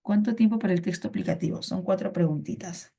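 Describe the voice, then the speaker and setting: Her voice is medium-pitched and dark, with vocal fry, and she talks fast. She runs a pre-university reading class online, chatting with the students, repeating her points and phrases, and calling them "chiqui."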